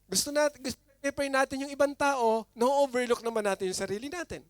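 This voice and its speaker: A man preaching a sermon as pastor, animated, with big swings between loud and soft. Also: very high-pitched, brisk, clear, resonant tone, dry recording.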